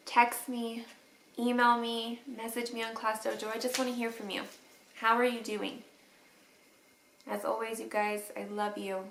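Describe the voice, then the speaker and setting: Teacher lady crying thru a message to her class, slow and gravelly, echoey room. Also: on the high side, fairly bright tone. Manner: tender, halting, with teary laughs. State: crying, sniffly. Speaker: third grade teacher. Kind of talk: tearful video message to students.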